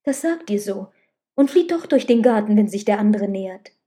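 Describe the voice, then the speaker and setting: A woman reading the lines of a tender, passionate noblewoman in a storybook, soft and pleading, sometimes urgent. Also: mid-range voice, lively intonation, normal speed, lightly acted.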